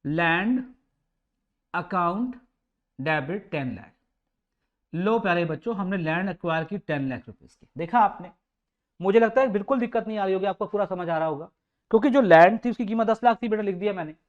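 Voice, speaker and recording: Warm-mannered male coaching teacher. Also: high-pitched, expressive, brisk, lo-fi sound. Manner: affectionate, calls students "beta", repeats points, quizzes the class. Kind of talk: classroom lecture. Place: coaching classroom.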